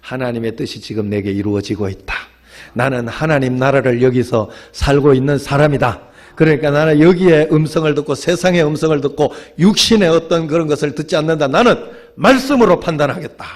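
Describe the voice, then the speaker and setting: Korean pastor with a Gyeongsang accent. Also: male voice, on the high side, a little fast. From Gyeongsang region of Korea. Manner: storytelling, with rising emphatic appeals to the congregation. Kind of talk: sermon. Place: church sanctuary.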